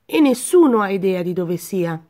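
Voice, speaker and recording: A woman's voice: mid-range voice, big pitch swings, normal speed, mellow, lightly acted. A sensible, practical little bird voiced by a woman.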